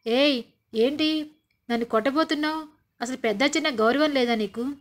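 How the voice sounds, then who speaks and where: Woman playing sharp-tongued scheming older mother, scornful, taunting, high voice. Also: normal speed, close to an everyday voice. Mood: indignant.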